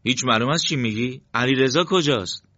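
A man's voice: medium pitch, very animated, a bit bright, dry recording, lo-fi sound, pitched above the performer's own voice. A man voicing a young man who keeps pressing anxious questions in a storybook reading. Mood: puzzled. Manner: pleading, demanding questions.

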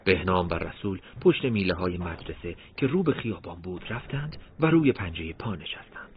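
A man's voice: low-pitched, animated. A man narrating a war story in a scripted, dramatic reading style, voicing dialogue along the way. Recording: dull lo-fi recording, faint noise.

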